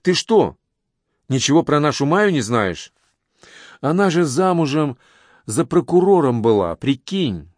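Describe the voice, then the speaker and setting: A man's voice: a little high, big pitch swings, a little slow, long pauses, no echo, voice pushed up. A chatty young office woman gossips in a confiding voice, as a male narrator puts her on. It is an audiobook reading, recorded dry and close. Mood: gossiping.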